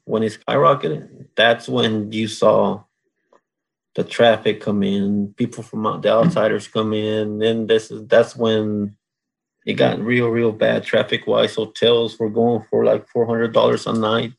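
A man from Mexico speaks in a relaxed interview. His voice is gravelly and a bit husky. He talks plainly, with a dry sense of humor. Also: on the low side, measured pace, rough recording. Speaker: guest, oilfield solids control worker. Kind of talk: casual interview.

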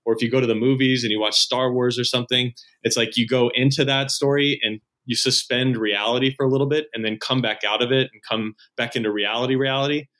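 A man's voice: mid-range voice, fairly even intonation, fast, hardly any pauses, a bit bright. A man who leads at a church, a podcast guest explaining his ideas earnestly, step by step. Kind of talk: explanatory conversation.

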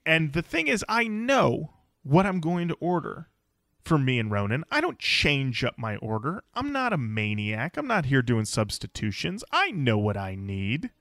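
A male podcast co-host in casual conversation, spinning jokey stories with plenty of animation. His voice sits in a middle register but swings widely, with a bright, forward edge. The sound is close and dry, with no room around it. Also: a little high, wildly swooping pitch, a little slow, no room sound.

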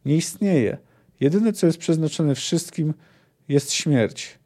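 A weary, stoic monster hunter in a read-aloud story, as a man reads him, terse and resigned. His voice is low, mellow and dark. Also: lively intonation, slow. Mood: grim resigned.

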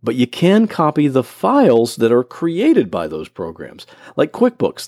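Male podcast host, gravelly voice, patient explainer, dry close recording. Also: mid-range voice, a little mellow, no echo. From Florida. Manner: patient, plain-spoken explainer. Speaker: podcast host and computer tutor. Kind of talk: solo instructional podcast.

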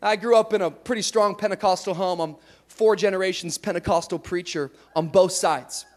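A male pastor preaching an animated sermon, telling stories with humor and rising to emphatic shouts. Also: sits high, normal speed.

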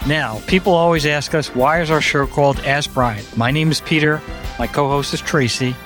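A man's voice: fairly high pitch, moderate pace, music in the background. A man hosting a radio talk show, joking and chatting casually with his co-hosts in the studio.

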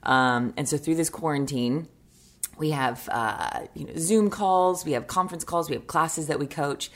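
A young woman chatting casually as a podcast co-host, her voice sitting extremely low and sounding groggy. She talks loosely, with plenty of ums and easy laughter. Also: moderate pace. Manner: chatty, laughing often, many fillers. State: groggy morning voice. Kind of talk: casual chat.

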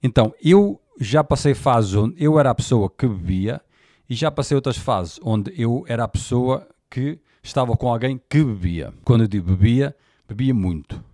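With a warm, medium-pitched voice and lively intonation, this podcast host speaks at a moderate pace in clean studio sound without echo. He's a Portuguese man in his forties, European Portuguese accent, delivering a frank, colloquial monologue full of fillers.

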